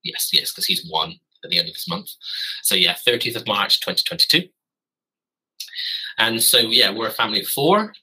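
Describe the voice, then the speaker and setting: Pausing often at a moderate pace, a man in his thirties with a fairly low, sharp, slightly rough voice and big pitch swings tells stories as a podcast guest. He's in his garden office and comes across as rambling, wry and self-correcting, though the recording is rough.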